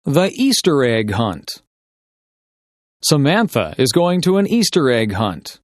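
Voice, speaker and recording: A man reading short, simple sentences as dictation for English learners, enunciating each one carefully and deliberately. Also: mid-range voice, sing-song, dry recording.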